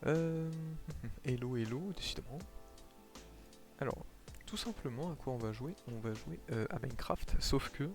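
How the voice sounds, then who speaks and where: A man's voice: medium pitch, expressive, measured pace, long pauses. A man streaming a game live, talking casually to his viewers and explaining as he plays, with lots of fillers. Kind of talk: casual gameplay commentary. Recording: faint music behind.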